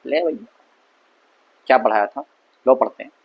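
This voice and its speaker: A man teaching a science lesson in a relaxed, chatty way, asking questions aloud and answering them himself, and reading English lines slowly. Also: medium pitch, slightly rough, highs cut off. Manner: conversational, asks and answers his own questions; mixes English terms and reads English text slowly. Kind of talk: casual Hindi science lesson.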